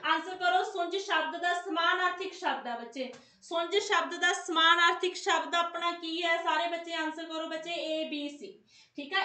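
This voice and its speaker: High, bright-voiced Punjabi woman teacher, insistent. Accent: Indian Punjabi. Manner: insistent, repeats prompts and phrases; scolds and coaxes pupils familiarly. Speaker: online exam coaching teacher. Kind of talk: live quiz lesson with chatty asides. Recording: echoey room sound.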